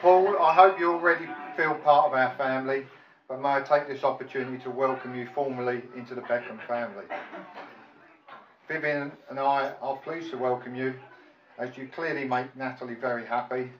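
A middle-aged man gives a prepared wedding speech as father of the bride, halting and self-deprecating. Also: mid-range voice, steady tone. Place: large function room at a wedding reception. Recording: echoey room, distant mic, muffled, loud noise.

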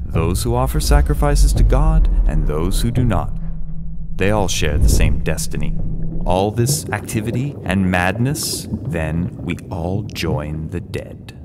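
An actor playing a grizzled, world-weary old male critic, reading in a slow scripted voice. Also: low-pitched, sing-song, very noisy.

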